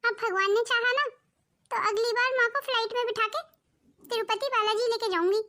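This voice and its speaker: A woman's voice: very high-pitched, fairly even intonation, brisk, bright, forceful tone. A woman voicing a thrifty elder daughter-in-law in a cartoon, speaking in a sensible, matter-of-fact way. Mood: calm.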